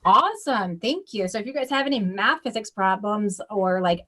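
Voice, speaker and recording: A woman's voice: medium pitch, lively intonation, normal speed, fairly bright tone. A woman hosting a casual panel, speaking informally and encouragingly. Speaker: host, moderator.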